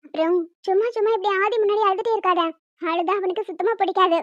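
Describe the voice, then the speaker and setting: Woman doing a bossy pregnant cartoon woman, squeaky-high voice, firm, dull dry lo-fi sound. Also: fairly even intonation, quick pace, no room sound. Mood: persuading. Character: bossy pregnant young woman, protective friend. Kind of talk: cartoon dialogue.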